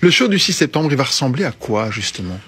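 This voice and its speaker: A man's voice: mid-range voice, big pitch swings, quick pace, fairly bright tone, husky. A man interviewing a guest on TV, asking pointed follow-up questions. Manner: probing, presses with follow-up questions.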